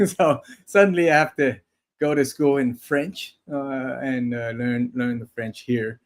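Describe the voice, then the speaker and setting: A man's voice: mid-range voice, steady tone, a little slow. Chatty self-deprecating male co-host. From Taiwan. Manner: chatty, self-deprecating, many restarts and laughs. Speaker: podcast co-host. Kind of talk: casual livestream chat.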